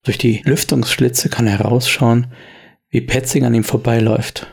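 A man's voice: medium pitch, steady tone, moderate pace, gravelly, husky. A man narrating a tabletop role-playing game as game master, telling the scene in tense, descriptive storytelling.

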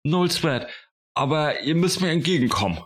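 A man's voice: on the high side, animated, normal speed, a bit bright, pitched above the performer's own voice. A man voicing a nervous, evasive male hacker who stammers and hesitates.

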